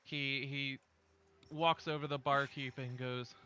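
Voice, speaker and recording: A man narrating as dungeon master, in a relaxed way with frequent fillers. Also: mid-range voice, slow pace, clear, resonant tone. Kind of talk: narrating a tabletop game.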